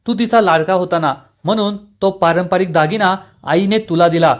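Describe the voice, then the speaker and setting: A harsh middle-aged aunt figure tears into a family member with insults, as a man reads her lines. The voice sits high for a man and barely changes from his plain narrating tone. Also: normal speed, lightly acted. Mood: scolding.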